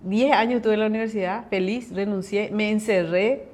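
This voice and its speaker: A middle-aged woman hosting a conversation, telling a personal faith testimony in a lively way and often checking in with her listener. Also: mid-range voice, brisk. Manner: lively storyteller who acts out quoted dialogue; often asks listeners to confirm. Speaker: host sharing a personal testimony.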